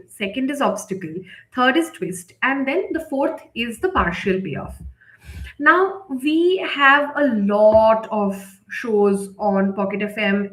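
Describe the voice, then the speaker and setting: In a roomy, echoing space, a high-voiced woman presents a live instructional session. Her explanations unfold step by step and conversationally, frequently punctuated by short check-ins such as "okay?" or "right?".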